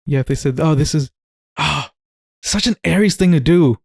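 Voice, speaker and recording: A man co-hosting a casual podcast, with a voice pitched a little high for a man. He jokes, laughs often and swears freely. The sound is dry and close to the mic. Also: moderate pace, vocal fry, darkish tone, dry recording. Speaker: podcast co-host. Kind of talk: casual chat.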